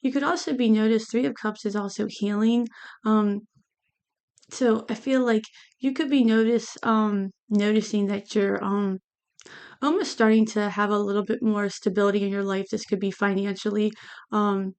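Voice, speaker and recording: Woman, lisping with braces, gravelly fry, casual tarot reader, halting and wandering delivery. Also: medium pitch, steady tone, a little mellow. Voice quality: lisp from lingual braces. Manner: hesitant, meandering, repeats "you know". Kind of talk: casual tarot card reading.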